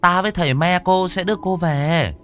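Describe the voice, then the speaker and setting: A man voicing a stern female spirit medium who speaks in solemn, measured pronouncements. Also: sits high, a bit bright, voice pushed up.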